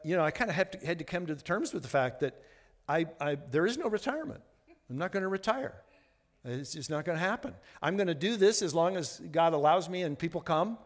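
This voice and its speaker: A man in his sixties preaching a sermon as pastor, earnest, often repeating words, moving between hushed lines and fervent ones. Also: a little high, long reverb tail. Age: 60s.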